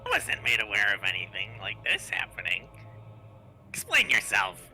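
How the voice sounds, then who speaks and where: A man voicing a hostile male archmage vampire in a tabletop game, shouting accusations. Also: on the low side, huge pitch swings, normal speed, vocal fry, faint music behind, voice pushed down, full character voice, poor audio. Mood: suspicious.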